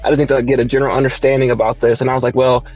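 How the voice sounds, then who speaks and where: A man in his twenties, a podcast co-host, chatting casually with quick, loose talk full of fillers. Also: mid-range voice, little pitch movement, darkish tone, muffled recording, soft background music. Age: 20s. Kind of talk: casual chat.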